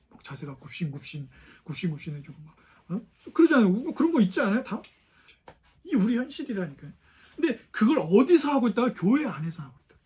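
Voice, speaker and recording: Male pastor with a high voice, preaching casually and questioning the congregation. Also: a little mellow. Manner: conversational preaching with many rhetorical questions to the congregation. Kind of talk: sermon. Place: church sanctuary.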